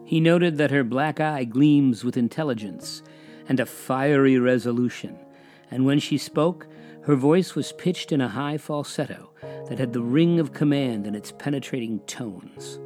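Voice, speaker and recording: A man's voice: medium pitch, faint music behind. Man narrating an eerie history. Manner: measured, dramatic pauses, drops to a hush on eerie details. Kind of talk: scripted storytelling narration.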